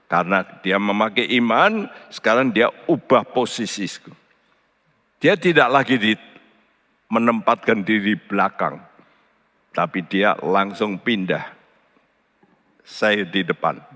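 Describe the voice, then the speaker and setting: A male pastor preaching a sermon, slow and deliberate, leaping into high animated voices when he tells stories. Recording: long hall reverb.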